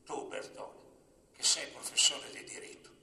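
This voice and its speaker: An older man, a priest, giving an impassioned talk to young people with a hoarse voice, swinging between shouting and hushed, near-whispered asides. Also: unhurried, recorded from a distance. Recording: echoey hall with long reverb.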